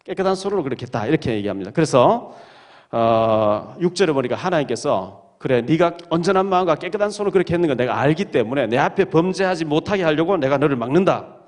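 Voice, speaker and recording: Animated preaching man, higher voice. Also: brisk. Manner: lively preaching, reading verses aloud and retelling them dramatically. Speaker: pastor. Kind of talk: sermon. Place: church sanctuary.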